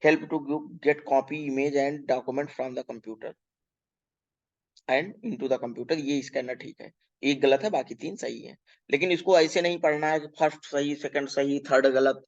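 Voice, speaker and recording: Teaching from a workbook for young pupils, this man reads English questions at a slow pace, gives his explanations in Hindi, and spells words out one letter at a time. He often asks "ठीक है" to check in, speaking in a mid-range voice over dull audio.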